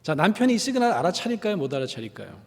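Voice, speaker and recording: A man lecturing in a church on empathy, his slightly high voice swinging widely in pitch as he quizzes the crowd and acts out little scenes in different voices. The sound carries a long reverb from a large sanctuary. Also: very fast. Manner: animated, acts out dialogues in changing voices, asks the audience questions. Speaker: guest lecturer at a church prayer meeting. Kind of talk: lively church lecture on empathy with acted examples.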